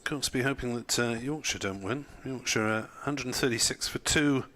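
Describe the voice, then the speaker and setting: A man co-commentates on cricket and reads out other scores. His tone is bright and forward, and he speaks in a halting, matter-of-fact way, filling the gaps with uh. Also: medium pitch. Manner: hesitant, lots of "uh", matter-of-fact.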